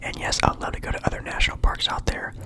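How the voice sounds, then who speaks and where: A young man from Portland whispering a relaxed, rambling ASMR chat in his apartment. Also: quick pace. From Portland, Oregon, USA. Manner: soft rambling whisper, friendly and chatty. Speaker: ASMR creator.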